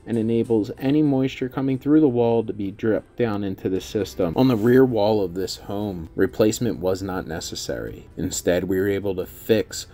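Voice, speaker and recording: With a lowish, warm voice and a moderate pace that rarely pauses, a contractor walks through his company's repair work from a script. The narration is instructional, technical, and plain.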